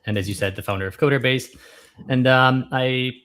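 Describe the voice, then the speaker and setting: A man in his thirties from Romania, a guest on a podcast interview, talking in a relaxed, thoughtful way with frequent fillers. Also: mid-range voice, moderate pace. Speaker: guest, startup founder.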